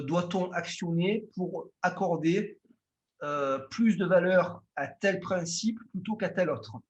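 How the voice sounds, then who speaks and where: A man with a Marseille accent gives a formal lecture on law. His voice sits a little high for a man, and he speaks hesitantly, with frequent "euh" fillers and restarts. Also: muffled recording. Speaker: lawyer giving a conference talk.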